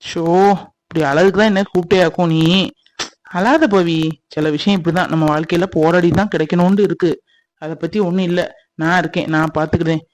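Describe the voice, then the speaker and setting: A performer voicing a reassuring young male fiancé in a cartoon, with a soothing, gently teasing manner. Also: medium pitch, steady tone, brisk, no room sound, close to an everyday voice. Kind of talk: cartoon voice acting.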